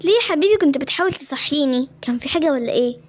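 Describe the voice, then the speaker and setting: A woman's voice: high-pitched, lively intonation, rapid-fire, voice pushed down. Woman voicing a tired caring mother. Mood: puzzled. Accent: Egyptian.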